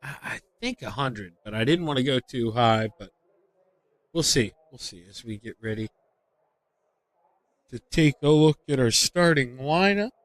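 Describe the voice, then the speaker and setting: A middle-aged man calling sim racing laps as play-by-play commentator, excitable and fighting the hiccups. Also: medium pitch, no room sound. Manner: excitable, rises to shouts on quick laps. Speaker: race commentator.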